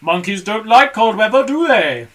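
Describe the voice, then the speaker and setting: A woman reading aloud and voicing a wise storybook bird who speaks calmly and knowingly. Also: medium pitch, normal speed, voice pushed up.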